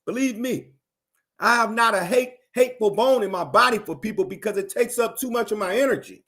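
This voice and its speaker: A man with a high-pitched voice delivers animated commentary to his viewers. He is emphatic and insistent, circling back to the same phrases to drive each point home. His energy stays up throughout. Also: fairly quick. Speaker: commentator on a livestream.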